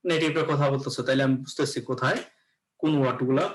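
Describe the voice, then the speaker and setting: A man's voice: mid-range voice, fairly even intonation, fast talker. A man giving an explanatory classroom lecture as an English teacher, often checking in with his students. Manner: explanatory, repeats "okay" to check in.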